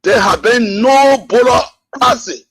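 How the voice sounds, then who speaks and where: A man's voice: extremely high pitch, unhurried, fairly bright tone, husky. A man from Liberia calling in to a radio talk show, arguing with rhetorical questions over a phone line. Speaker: caller. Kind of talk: call-in radio political commentary.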